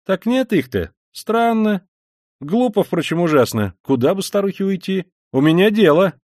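A man reading an audiobook, voicing an excitable young law student who talks loudly and insistently. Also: high-pitched, dry recording, clean studio sound, voice pushed up. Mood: eager, urgent. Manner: loud, quick, insistent.

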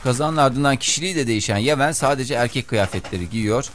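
A man's voice: medium pitch, fast talker, a little hiss or hum. A man co-hosting a radio morning show, teasing his partner and addressing the listeners. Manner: teasing, talks straight to listeners. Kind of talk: casual studio banter.

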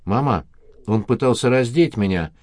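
A man's voice: mid-range voice, lively intonation, normal speed, a little mellow, no room sound, close to an everyday voice. A man voicing a frightened twelve-year-old girl who pleads with her father. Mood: pleading. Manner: pleading, upset.

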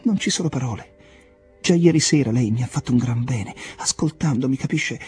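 An earnest young ship's officer, restless and excitable, as a male reader puts him on, his voice climbing high and loud in sudden bursts. Faint music plays under the storybook reading. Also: brisk, slightly rough. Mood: agitated.

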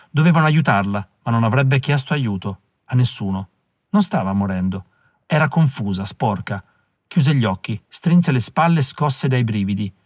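Measured male audiobook narrator, dry sound. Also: medium pitch, dry recording. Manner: measured, even reading.

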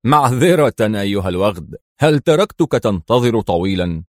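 A man voicing a calm, sarcastic secret agent hero. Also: fairly low pitch, normal speed, no room sound, clean studio sound, lightly acted. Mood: sardonic. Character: cool, sardonic male secret agent hero.

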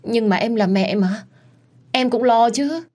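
A woman's voice: on the high side, a little slow, a little mellow, pitched above the performer's own voice. A woman voicing a tearful, whining young mistress who pleads and plays the victim in a told story. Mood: whiny pleading. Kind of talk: dramatized storytelling.

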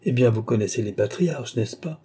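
An aging king, short on patience and dry in his irony, speaking in a mellow, slightly husky register, voiced by a man reading the story aloud. The questions come pointed and exasperated, in the steady manner of an audiobook. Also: medium pitch, moderate pace. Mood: impatient. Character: aging French king, impatient, wry.

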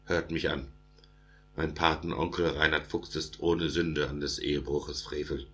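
A small, loyal badger defending his godfather in a storybook, voiced by a man with a very deep voice. He pleads earnestly in rhythmic verse. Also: steady tone, measured pace, fairly bright tone.

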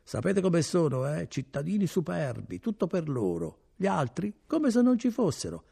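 A man voicing a resentful country tavern patron, grumbling and emphatic, with a husky gravelly voice, in an audiobook. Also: a little high, sing-song, normal speed, mellow, voice pushed up, full character voice. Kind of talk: audiobook character reading.

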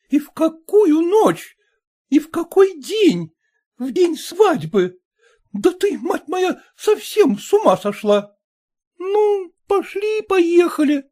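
A man's voice: very high-pitched, very animated, slow, dark tone, voice pushed up, heavily acted. A man voicing a scolding, fussy middle-aged mother, reading a story aloud in a nagging tone. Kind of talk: audiobook character voice.

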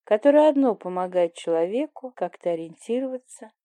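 Mellow-voiced woman reading an audiobook. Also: medium pitch, animated, brisk, no echo. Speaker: audiobook reader. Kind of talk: audiobook narration.

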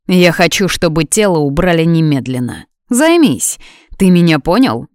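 A woman's voice: fairly low pitch, very animated, normal speed, no echo, studio quality. A woman voicing an arrogant young king who gives clipped, domineering orders in an audiobook reading. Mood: commanding.

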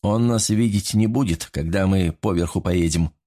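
A man's voice: low-pitched, normal speed, warm tone. A man doing Butorin, a barking army major. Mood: commanding. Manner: curt, barking orders. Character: tough commanding male army major.

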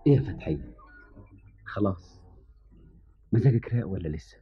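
An actor playing a humble, devoted working man with an Egyptian accent, speaking softly and reassuringly in an old radio drama. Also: low voice, expressive, a little fast, breathy edge, heavily acted. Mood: gentle. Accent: Egyptian Arabic. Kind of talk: 1970s radio drama acting. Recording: dull old radio recording with faint music.

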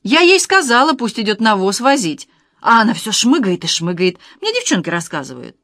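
A woman reading an audiobook, voicing a spiteful, capricious young wife with a sharp, mocking tone. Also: medium pitch, sing-song, moderate pace, dry recording, clean studio sound. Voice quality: sharp, mocking, shrieking when angry.

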